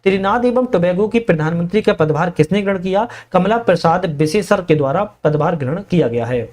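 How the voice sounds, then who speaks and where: A man teaching a current-affairs quiz lesson for exam preparation. He reads each question aloud, answers it at a measured pace, and corrects his own slips mid-sentence. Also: sits high, darkish tone.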